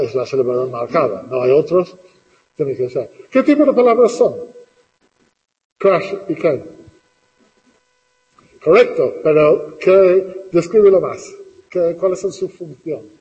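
A middle-aged male teacher, his voice a little high for a man, speaks very slowly and patiently, putting question after question to the class. He is recorded from a distance in a classroom with a long echo, and the sound is muffled. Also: mellow. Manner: slow, patient questioning, repeating students' answers. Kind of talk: classroom lesson with questions to students.

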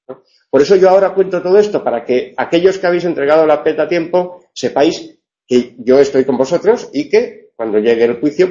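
A man's voice: fairly high pitch, mellow, lo-fi sound. A man teaching a university class, wry and digressive, often restarting his sentences. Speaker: university tutor. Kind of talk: classroom lecture with questions.

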